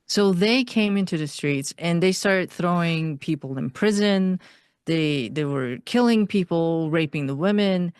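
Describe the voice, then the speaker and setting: A woman from Iran, a guest on an interview podcast, telling her life story in an earnest, steady way. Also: lowish voice, measured pace, smooth, no echo, studio quality.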